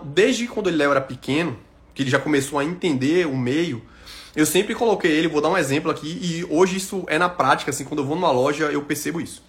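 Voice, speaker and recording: A man giving a motivational talk on self-confidence, speaking emphatically and directly to his viewers. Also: a little high. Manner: emphatic, addresses the audience directly.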